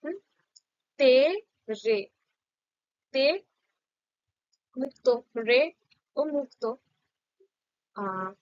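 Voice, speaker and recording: A woman teacher explaining a Bengali grammar lesson patiently, slowly sounding out syllables for her students. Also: high-pitched, clear, resonant tone, no room sound, highs cut off.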